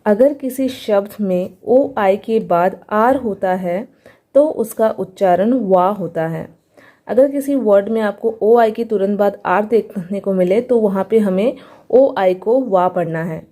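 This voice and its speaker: A woman with an Indian accent teaching English reading, spelling out letters slowly and blending them into words. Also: medium pitch, mellow. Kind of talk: phonics lesson.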